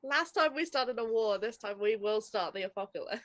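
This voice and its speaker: High-voiced woman joking at a game table. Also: animated, fairly quick, a bit bright.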